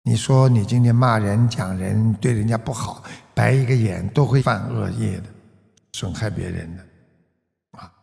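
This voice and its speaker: A man preaching a Buddhist sermon as a master, full of rhetorical questions and drawn-out "ah" particles. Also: fairly low pitch, creaky, a little mellow, long reverb tail.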